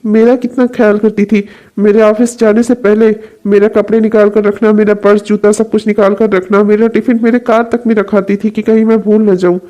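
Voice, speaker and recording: A woman voicing a troubled young husband in a cartoon, brooding and quick to anger. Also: on the high side, close to an everyday voice. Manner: brooding, then shouting in anger. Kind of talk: cartoon voice acting.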